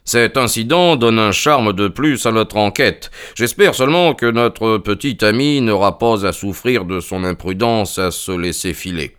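Sherlock Holmes, calm and wry, read by a man. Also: lowish voice, measured pace, hardly any pauses, smooth. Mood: amused. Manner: unruffled, dryly ironic. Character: sharp, calm, ironic male detective. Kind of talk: dramatized audiobook reading.

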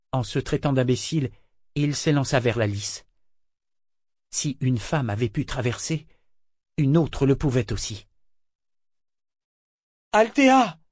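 A man's voice: medium pitch, no echo. Male audiobook narrator, dry sound. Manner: measured, steady reading. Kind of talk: scripted narration of a novel.

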